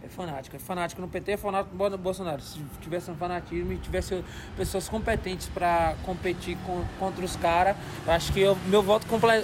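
A man's voice: sits high, background noise. A man chatting casually in slang as a podcast co-host, repeating phrases for emphasis.

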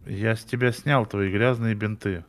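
A man's voice: on the low side, fairly even intonation, normal speed, vocal fry. A man playing in a group gaming stream, bantering casually with the other players.

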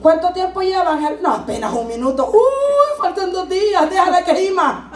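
A woman preaching a lively sermon in Spanish, acting out voices and laughing, to a congregation in church. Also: very high voice, normal speed. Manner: animated, acts out dialogue, laughs often. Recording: echoey church from far off with crowd.

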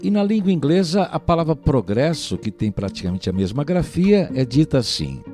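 A male language teacher with a Brazilian Portuguese accent records a lesson in a slightly high, very animated, warm voice at a moderate pace. Faint music sits behind him as he explains patiently and keeps checking in with "né?".

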